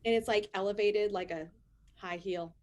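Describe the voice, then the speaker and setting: Her voice is medium-pitched and slightly dark, with fairly level intonation at normal speed, as she co-hosts a laid-back podcast. Reading a news item aloud, she rants in a playful way and laughs frequently.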